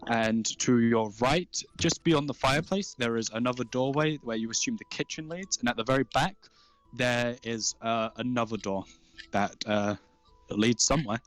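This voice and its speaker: A man improvising tabletop game narration as game master, in an informal, halting, descriptive way. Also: mid-range voice. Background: faint music.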